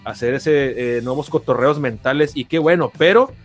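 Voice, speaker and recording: A man's voice: medium pitch, normal speed, soft background music. A man with a Mexican accent co-hosting a podcast, chatting casually in rambling, heavy slang. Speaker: podcast co-host. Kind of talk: casual chat.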